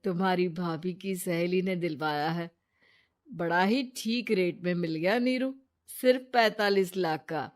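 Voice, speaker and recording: A woman's voice: lowish voice, unhurried, close to an everyday voice. A woman doing an indignant young husband. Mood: pleased. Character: annoyed young husband, straight-talking man.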